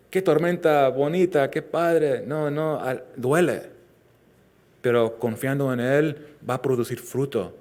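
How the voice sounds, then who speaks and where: A man preaching a sermon as pastor, earnest, rising loud for emphasis and dropping soft and slow on tender lines. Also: medium pitch. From Southern California. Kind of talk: expository sermon.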